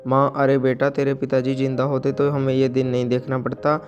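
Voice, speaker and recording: A man voicing a gentle, caring old widowed mother who speaks soothingly. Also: mid-range voice, completely flat delivery, fairly quick, lo-fi sound, soft background music, lightly acted. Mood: tender. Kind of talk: storybook character voice.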